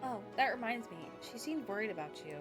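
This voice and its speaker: Woman streamer reading a visual novel out loud, highish voice, music clearly playing. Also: lively intonation, brisk. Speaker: game streamer. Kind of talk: reading visual novel text aloud as a story. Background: background music.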